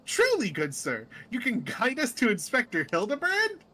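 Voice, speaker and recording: A woman's voice: a little high, huge pitch swings, normal speed, pushed and bright, pitched above the performer's own voice, full character voice. A woman voicing a courteous male zombie emissary in a put-on British accent, speaking in formal, old-fashioned phrases.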